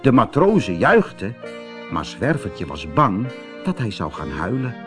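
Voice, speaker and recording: A man reading a children's fairy tale aloud in an expressive, animated storytelling manner. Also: on the low side, measured pace, music in the background. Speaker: audiobook reader.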